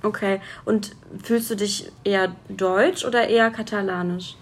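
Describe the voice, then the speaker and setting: A young woman hosting a podcast chats casually with a guest in the guest's city flat, sounding friendly and using lots of fillers and affirming hums. Her voice is medium-pitched and steady at a normal speed, with a little hiss or hum in the recording.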